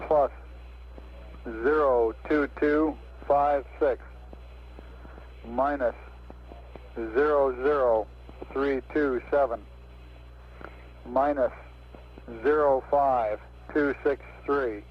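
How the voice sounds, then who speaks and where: A man working as a mission control communicator, speaking in procedural calls over crackly military-style radio. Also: medium pitch. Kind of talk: procedural radio talk, reading out figures. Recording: dull radio link with static.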